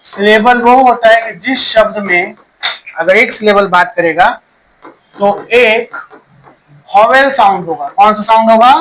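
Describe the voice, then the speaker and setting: A man teaching an English grammar lesson, dictating slowly and checking in with his students. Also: high voice, fairly bright tone, slight background noise, poor audio.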